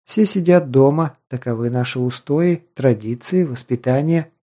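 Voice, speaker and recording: A man reading an audiobook, voicing a proud but sheltered young noble girl in a raised, softened voice. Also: medium pitch, moderate pace, close to an everyday voice.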